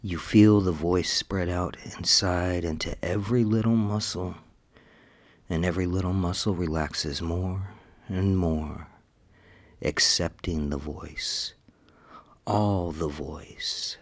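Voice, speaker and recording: A man's voice: low voice, takes it slowly. A man leading a scripted hypnosis session in a commanding, hypnotic manner, slipping into whispers at times.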